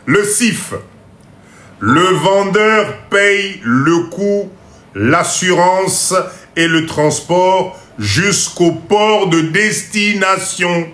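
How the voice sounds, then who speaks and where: A man giving a live class on import-export, going slowly, repeating each point, checking that everyone follows, and joking about his own English. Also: high-pitched, fairly bright tone, echoey room. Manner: mixes in Lingala phrases and jokes about his English. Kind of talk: live online lesson.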